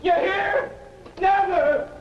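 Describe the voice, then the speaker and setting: Clingy troubled kid, slow stubborn talk, dull noisy old tv sound. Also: male voice, extremely high pitch, full character voice. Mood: hysterical. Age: young adult. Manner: repeats himself obsessively, blunt rural grammar. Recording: noisy, dull 1970s TV film audio.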